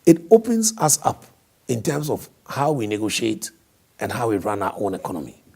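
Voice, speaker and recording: A hoarse man whose voice is partly lost, giving emphatic, explanatory interview answers as a diplomat, often posing rhetorical questions. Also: on the low side, big pitch swings, moderate pace, a little mellow.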